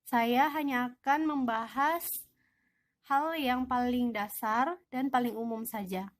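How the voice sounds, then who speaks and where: A woman's voice: a little high, fairly even intonation, slow. A young woman teaching an online language lesson, patiently explaining rules and answering her own questions.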